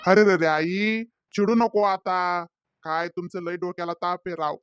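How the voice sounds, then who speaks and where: A man voicing a patient father in a cartoon, soothing his daughter and trying to calm his quarreling family. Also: sits high, measured pace, smooth, no echo, highs cut off. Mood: placating. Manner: soothing, placating. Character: patient, placating young father. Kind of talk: cartoon voice acting.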